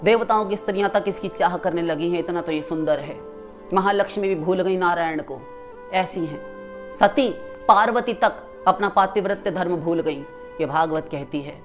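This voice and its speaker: A woman's voice: fairly low pitch, normal speed. Woman preacher, devotional sermon, recites and explains verses; faint music underneath.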